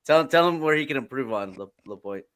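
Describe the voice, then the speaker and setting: Lively, rambling host man. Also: mid-range voice, a little fast. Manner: loose, rambling, says dude a lot. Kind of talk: casual chat.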